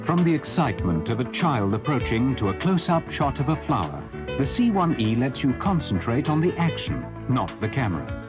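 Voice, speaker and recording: Man narrating an ad from an old VHS tape. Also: big pitch swings. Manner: smooth, measured product pitch. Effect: old VHS tape audio. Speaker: promotional narrator. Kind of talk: scripted ad voice-over. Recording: voice-over over loud music. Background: loud backing music.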